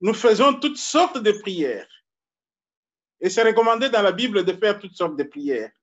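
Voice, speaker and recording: A man from Congo, a pastor preaching a sermon slowly and deliberately, repeating his key phrases. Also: high voice, big pitch swings, muffled recording.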